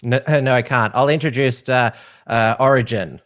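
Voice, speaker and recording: A man hosts a live-streamed political commentary show. He pauses often and fills the gaps with "uh". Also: medium pitch, fairly even intonation, fairly bright tone, no room sound. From Australia. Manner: hesitant, many uh fillers. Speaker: host.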